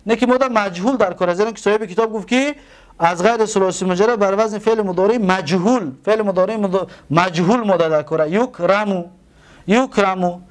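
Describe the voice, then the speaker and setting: A man with a Tajik accent teaching a grammar lesson, repeating key terms slowly and asking his students rhetorical questions. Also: high-pitched. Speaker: religious school teacher.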